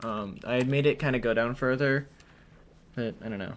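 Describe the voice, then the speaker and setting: A man's voice: medium pitch, normal speed, a little hiss or hum. A man giving casual gameplay commentary at home, rambling with many fillers and restarts. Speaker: gaming commentator. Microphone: headset or desk mic while wearing headphones.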